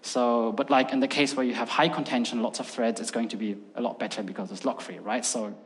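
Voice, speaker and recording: Speaking fairly quickly with a medium pitch and fairly even intonation, this middle-aged conference speaker, a native Russian speaker, keeps his technical talk loose and chatty, leaning heavily on "um" and "like". Long reverb from the big hall trails his words.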